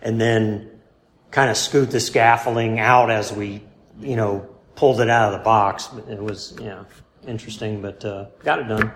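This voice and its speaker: A man in a casual interview, rambling and halting, with many fillers and restarts, laid-back and self-deprecating. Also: on the low side, steady tone. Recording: roomy with faint background hum.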